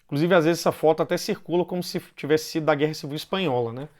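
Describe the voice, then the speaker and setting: Brazilian man with a higher voice. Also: darkish tone. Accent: Brazilian Portuguese. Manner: conversational, often ends phrases with a questioning "né"; loosely paced with pauses and restarts. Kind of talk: informal explanatory talk.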